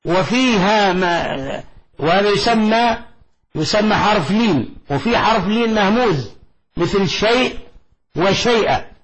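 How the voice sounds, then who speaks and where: A man teaching Quran recitation in a classroom, explaining a poem line by line and checking his students with quick questions. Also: high voice, fairly bright tone, breathy edge, rough recording. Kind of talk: classroom lecture on a didactic poem. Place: classroom with a blackboard.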